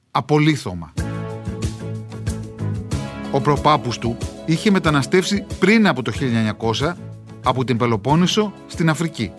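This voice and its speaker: A man, an author, reading aloud his own travel memoir in a wry, measured literary storytelling manner with dramatic pauses. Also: medium pitch, a bit bright.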